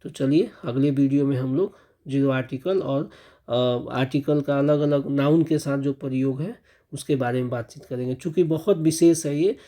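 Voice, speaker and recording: A man teaching English grammar, drilling pronunciation by repeating example words slowly and checking understanding again and again. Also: mid-range voice, dark tone, low-quality recording. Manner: keeps checking understanding with repeated "theek hai" and "spasht ho gaya". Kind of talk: explaining a grammar lesson.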